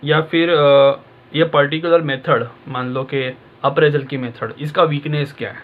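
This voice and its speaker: A man's voice: fairly high pitch, steady tone, unhurried, narrow, tinny audio. A male exam-prep tutor talking casually and directly to his students, in a conversational coaching manner.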